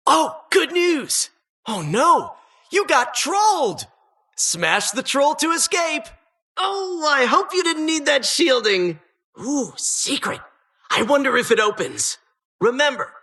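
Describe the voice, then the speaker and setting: Gleeful mockery drives this female game announcer, a sinister dungeon host whose high voice is fully in character. Bright and forceful, it bounces up and down as she teases, wrapping each line in theatrical, mock-welcoming polish with sardonic undertones.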